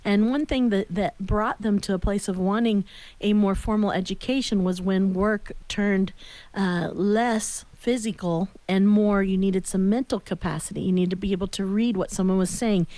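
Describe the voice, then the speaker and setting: American woman, middle-aged talk radio host. Earnest, explanatory delivery, medium pitch, close and dry studio sound. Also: steady tone, moderate pace, dark tone, no echo. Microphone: studio boom microphone with headphones.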